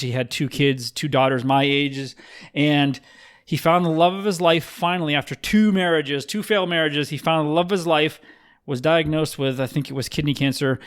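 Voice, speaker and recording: A man's voice: on the high side, fairly bright tone. A man hosting a podcast, talking in a rambling, heartfelt way with many fillers. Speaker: podcast host. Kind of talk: casual podcast interview.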